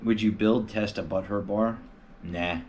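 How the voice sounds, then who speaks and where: A man's voice: on the low side, steady tone, measured pace, a little mellow, highs cut off, a little hiss or hum. A man hosting a casual live stream from home, answering viewer questions in a loose, rambling way with lots of filler words.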